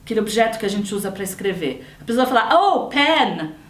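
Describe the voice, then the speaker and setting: A woman's voice: mid-range voice, very fast, recorded from a distance. Woman, Brazilian accent, English teacher, explanatory, roomy echo, set back from the mic. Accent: Brazilian Portuguese. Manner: explanatory, repeats and rephrases points. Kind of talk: online English lesson.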